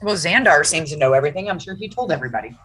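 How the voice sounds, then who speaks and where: A woman's voice: deep voice, lively intonation, very fast, fairly bright tone, slight background noise. A woman chatting as a player in a tabletop game, rambling with many fillers. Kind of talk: casual chat at a tabletop game.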